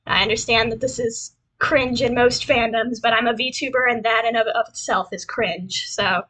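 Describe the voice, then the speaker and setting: A woman's voice: a little high, steady tone, normal speed, sharp tone, husky, poor audio. A young woman chatting casually as a cute anime-style VTuber on a livestream, rambling and repeating phrases in a self-deprecating way. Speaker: VTuber streamer introducing themselves. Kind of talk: casual livestream chat over a slideshow.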